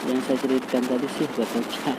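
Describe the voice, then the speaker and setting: A man's voice: mid-range voice, little pitch movement, fast talker, very noisy. Motovlogger man talking inside a motorcycle helmet. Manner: talking from inside a full-face motorcycle helmet while riding. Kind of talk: casual vlog chat while riding. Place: inside a full-face helmet on a moving motorcycle, outdoors.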